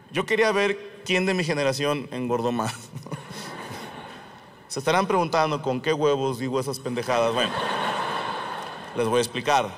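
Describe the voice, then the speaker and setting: A man with a Mexican accent doing a stand-up monologue on a comedy stage, telling stories with plenty of swearing and acting out the people he quotes. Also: mid-range voice. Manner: profane, lively storytelling, acting out quoted voices.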